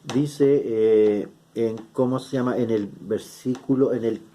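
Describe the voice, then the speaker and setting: A Chilean man preaching a sermon as pastor, earnest and deliberate, often checking in with a questioning "ah?" and pausing on "eh". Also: mid-range voice, fairly even intonation, warm tone. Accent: Chilean Spanish. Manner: earnest, repeats points with frequent "¿ah?" tag questions; slow and deliberate, many filler "eh"s.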